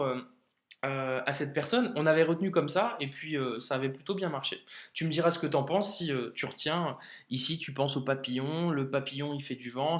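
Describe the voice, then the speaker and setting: In a casual video lesson, a man with a fairly high voice teaches Arabic reading, talking informally to the learner. He hesitates often and slows down to sound out words syllable by syllable, and the room is echoey.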